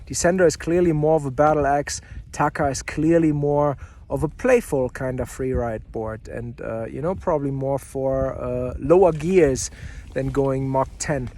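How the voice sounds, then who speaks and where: A man's voice: medium pitch, normal speed, darkish tone. A man talking off the cuff in a casual gear review vlog outdoors at a ski area, thinking aloud between phrases. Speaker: snowboard reviewer.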